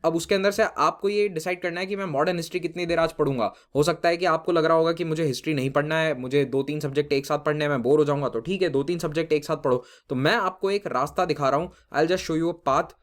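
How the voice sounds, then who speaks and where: A man teaching an exam-prep lesson, giving brisk, firm advice to students and mixing in English phrases. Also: on the high side. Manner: brisk, direct, mixes Hindi with English phrases; addresses students informally, reassuring and firm.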